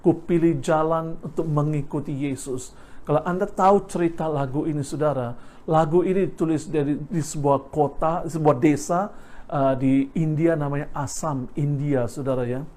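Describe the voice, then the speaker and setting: A male pastor preaching a sermon, constantly addressing the congregation and slowing down on key words for emphasis. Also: a little high, steady tone, a little mellow.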